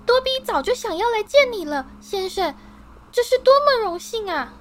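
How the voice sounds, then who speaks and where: A woman voicing a small, servile male house-elf with a high, shrill, squeaky voice and an overwrought, deferential manner. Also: animated, moderate pace, a little hiss or hum. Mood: eager.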